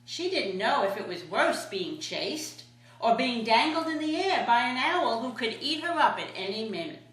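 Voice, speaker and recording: A woman's voice: on the high side, very animated, normal speed, a bit bright. A sweet older woman, a grandmother, reading a children's storybook aloud expressively. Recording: echoey room.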